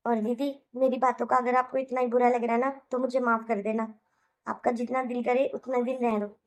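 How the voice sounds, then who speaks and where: A woman voicing a patient young housewife in a cartoon, reasoning gently and pleading with a Hindi accent. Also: a little high, little pitch movement, a little fast, natural voice. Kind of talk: cartoon voice acting.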